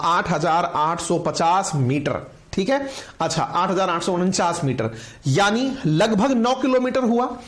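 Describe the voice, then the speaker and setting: A man teaching a lecture to online viewers. He talks in a lively way and keeps asking his listeners questions. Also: very high-pitched. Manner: lively, asks viewers questions, calls them companions. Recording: roomy echo.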